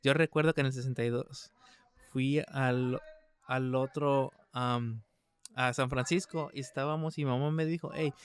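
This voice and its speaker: A man's voice: mid-range voice, clean tone, no echo, studio quality. An older man preaching a translated sermon in an emphatic way, with frequent restarts and fillers. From United States.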